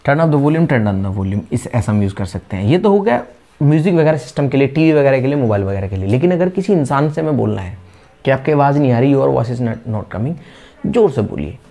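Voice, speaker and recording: A man with an Indian accent teaching spoken English, explaining patiently and repeating example phrases slowly. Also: medium pitch, big pitch swings, gravelly, mellow, soft background music.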